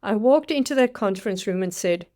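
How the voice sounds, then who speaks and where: This South African career coach in her 60s delivers a dramatic, scripted personal story, performing the quoted lines as she goes. Her voice is warm and medium-pitched, with lively intonation and a fairly quick pace.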